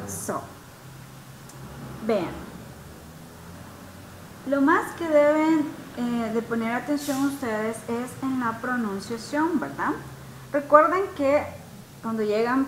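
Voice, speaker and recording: Woman, English teacher, high voice, unhurried, patient, on a video call in an echoey room. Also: slight background noise. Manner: patient, asks students questions, mixes Spanish and English. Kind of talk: online class teaching.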